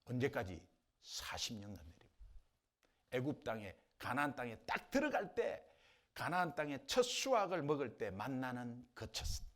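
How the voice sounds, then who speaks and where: A middle-aged man preaching a sermon as pastor, telling stories in an animated way, with dialect impressions and laughter. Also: mid-range voice, normal speed. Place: church sanctuary.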